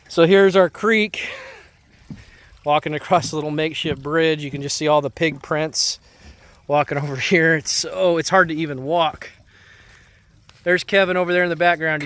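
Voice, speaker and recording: Folksy man vlogging, slightly higher voice. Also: fairly bright tone, clean tone. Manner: folksy, talks to viewers and animals. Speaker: homesteader vlogger. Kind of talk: casual walk-and-talk vlog, filming while talking. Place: outdoors on a muddy farm and under an animal shelter.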